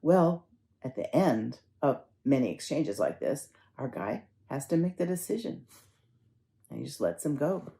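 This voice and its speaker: A woman minister giving a conversational sermon, telling stories and gently guiding her congregation through a ritual. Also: rumbling low, big pitch swings, unhurried, creaky. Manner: conversational storytelling, gently instructive.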